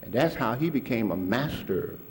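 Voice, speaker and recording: A man's voice: mid-range voice, animated, moderate pace. An older man telling stories to an audience in a colloquial way, chuckling often. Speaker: speaker recalling a mentor. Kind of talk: storytelling talk to an audience.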